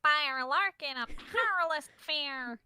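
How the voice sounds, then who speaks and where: A woman's voice: high-pitched, animated, measured pace, pushed and bright, voice pushed up, full character voice. A woman voicing a nervous male tradesman while pinching her nose for a nasal sound. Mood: fretful.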